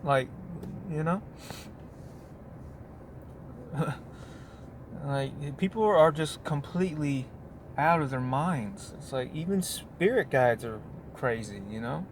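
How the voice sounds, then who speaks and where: A man's voice: fairly high pitch, animated, takes it slowly, a little hiss or hum. A man talking casually on his work break, rambling in a loose monologue with many restarts and asides. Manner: meandering, full of restarts and "you know what I mean". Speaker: vlogger.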